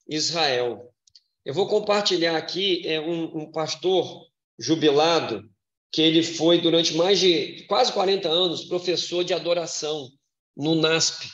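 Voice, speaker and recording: A man giving a church lecture on music, reading scripture and explaining in a measured way with hesitant fillers. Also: fairly high pitch, fairly bright tone, roomy sound, muffled recording.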